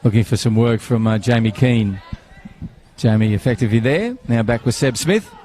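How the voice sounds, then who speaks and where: A man's voice: medium pitch, normal speed, mellow. A man, commentating live on a football match outdoors, chatty and rambling, with banter and fillers.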